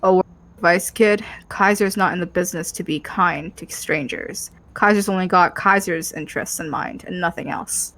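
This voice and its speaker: A woman voicing a guarded, hard-edged female vampire from a game, measured and cautioning. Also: lowish voice, fairly even intonation, fairly bright tone, lightly acted. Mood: guarded, stern.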